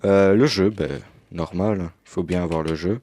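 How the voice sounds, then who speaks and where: A man's voice: low voice, moderate pace, warm tone, no echo, studio quality. A young man casually commenting as he unboxes a game edition, hesitant with many fillers, recorded on a headset mic. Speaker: unboxing youtuber.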